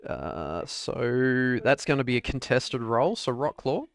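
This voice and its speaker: A man's voice: medium pitch, sing-song, takes it slowly, clear, resonant tone, no room sound. A man running a tabletop role-playing game as game master, patiently explaining the rules.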